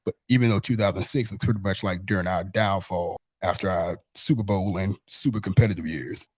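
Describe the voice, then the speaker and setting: This podcast host, a Southern-accented man from Mississippi, talks at length through a relaxed sports interview, looping back over his own phrases. He speaks quickly in a low, darkish voice, and the recording has no room sound.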